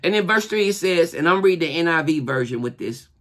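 High-pitched man preaching earnestly. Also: lively intonation, fast, a bit bright. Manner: earnest, exhorting, repeats key phrases for emphasis. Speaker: preacher, church elder. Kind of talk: informal sermon to camera. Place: small furnished living room, indoors.

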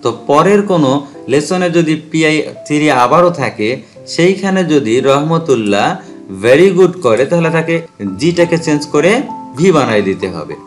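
A man's voice: on the high side, animated, faint music behind. Patient man explaining a spreadsheet tutorial. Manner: patient step-by-step explaining, reads English phrases out slowly. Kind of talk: screen-recorded tutorial.

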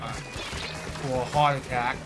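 Speaking slowly and flatly in a mid-range voice, a young man in his twenties gives casual commentary to his chat as he plays, with game music in the background. He rambles and repeats himself, broken up by brief flashes of frustration.

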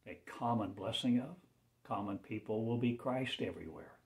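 Speaking on the low side with vocal fry, a man acting as a self-styled preacher makes a meandering spiritual proclamation. The delivery is solemn and broken into halting fragments, many sinking into hushed, near-whispered phrases.

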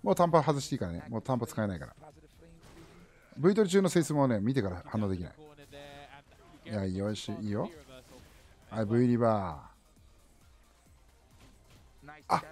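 A man's voice: lowish voice, animated, moderate pace, long pauses, a little mellow, soft background music. A man in his thirties giving casual running commentary on a fighting game match, often in short, repeated remarks. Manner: clipped, repetitive short remarks. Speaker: livestream commentator. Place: indoor room, streamer's desk.

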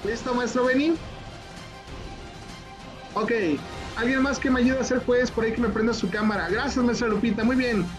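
A man, a teacher trainer hosting a children's event over a video call, talking in an animated, coaxing way and repeating himself. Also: extremely high pitch, moderate pace, long pauses, music in the background. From Mexico. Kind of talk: lively online workshop hosting.

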